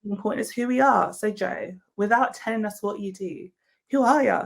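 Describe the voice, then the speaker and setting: Medium-pitched, a little fast, and gravelly, a woman hosting a career podcast talks with her guest on a video call using earbuds. The interview is a casual chat, and she is enthusiastic and effusive throughout.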